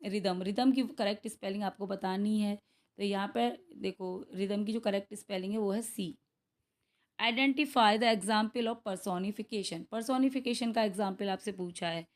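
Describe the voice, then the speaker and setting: A young woman with an Indian accent takes students through practice questions for an exam. She switches between Hindi and English as she explains and reads each question out slowly. She checks in with her students often as she goes. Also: medium pitch. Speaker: English teacher.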